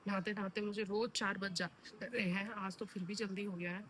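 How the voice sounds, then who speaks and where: A woman's voice: mid-range voice, fairly even intonation, brisk, fairly bright tone, a little hiss or hum. A young woman from the hills chatting casually to her viewers in a vlog, tired and talking like a friend. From Uttarakhand hills. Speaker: vlogger. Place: home, then outdoors in Delhi traffic.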